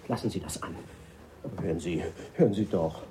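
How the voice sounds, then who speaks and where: An actor playing a chaste, panicky old ex-friar who stammers and sounds stuffed up from a cold. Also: male voice, sits low, fairly quick, noisy background, close to an everyday voice. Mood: flustered. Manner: stammering, flustered, breathless outbursts.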